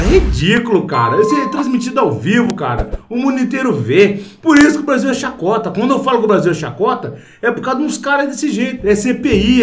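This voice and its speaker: A man with a Brazilian Portuguese accent ranting angrily to camera about politics. He swears, repeats himself and talks slowly. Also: sits high, echoey room. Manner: indignant, profane, keeps saying "cara"; slow and repetitive, with restarts. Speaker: political video commentator. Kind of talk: angry rant to camera.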